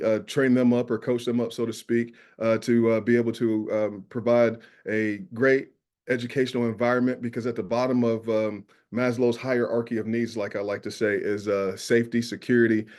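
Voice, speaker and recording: A man from New York with a Southern drawl, a school safety specialist presenting a webinar, earnest and filling pauses with "uh". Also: medium pitch, darkish tone. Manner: earnest, many "uh" fillers.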